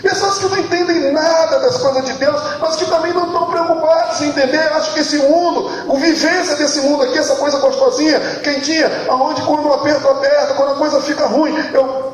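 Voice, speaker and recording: A man's voice: very high voice, steady tone, fairly quick, slight background noise. A man with a Brazilian accent, preaching a sermon as pastor and telling a joke with voices. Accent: Brazilian Portuguese. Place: church hall. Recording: very echoey church hall.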